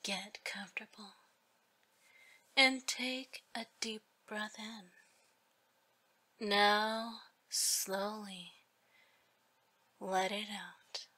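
Woman, whispery, very slow, bright tone, soothing hypnosis guide. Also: medium pitch, steady tone, breathy edge. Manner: slow, soothing, drawn-out phrases.

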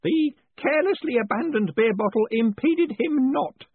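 A man voicing a fussy, eager old male postman who keeps calling people sir in a hoarse whisper. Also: sits high, wildly swooping pitch, moderate pace, no room sound, phone-quality sound, pitched above the performer's own voice, full character voice. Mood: proud.

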